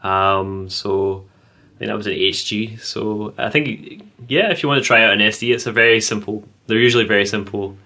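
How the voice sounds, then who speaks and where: A man's voice: fairly low pitch, fairly even intonation, moderate pace, pushed and bright. A man co-hosting a podcast in casual chat, hedging with many ums. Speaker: podcast co-host.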